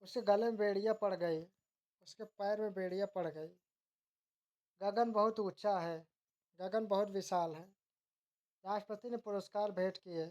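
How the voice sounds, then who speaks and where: A woman teaching, reading out pairs of wrong and corrected grammar sentences in a steady, measured recitation, with occasional self-corrections mid-word. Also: mid-range voice, highs cut off.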